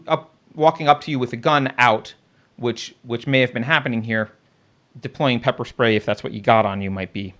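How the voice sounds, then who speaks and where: A man's voice: mid-range voice, a bit bright. A man hosting a political talk show, talking casually as he walks through video footage and points things out on screen. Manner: conversational, pointing things out on screen, frequent restarts.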